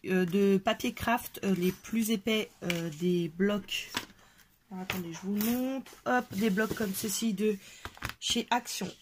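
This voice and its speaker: Woman, casual craft tutorial, chatty and hesitant, mid-pitched voice, noisy home recording. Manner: chatty, hesitant with many fillers.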